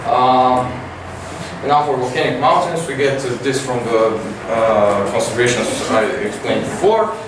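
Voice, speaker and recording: A teenage boy giving a science competition report with many fillers and halting phrasing. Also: medium pitch. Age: teens. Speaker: student presenter. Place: large classroom with projector. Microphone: far camera. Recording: echoey room from far off, noisy.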